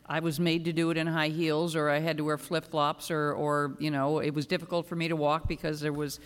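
A man presides as a judge, speaking from the bench in probing, halting phrases. His voice is a little high and carries long room reverb. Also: flat delivery, smooth. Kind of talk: questioning from the bench.

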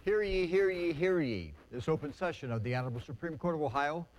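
A man's voice: a little high, animated, fast talker, a little hiss or hum, low-quality recording. A man acting as court marshal, making a formal, ceremonial proclamation in the manner of a town crier. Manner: ceremonial calling-out.

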